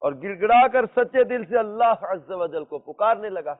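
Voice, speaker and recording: Expressive and high-pitched, this male religious teacher tells moral stories in a lesson for listeners, stressing points emphatically, repeating himself and asking rhetorical questions. The sound is muffled, lo-fi and reverberant, like a hall.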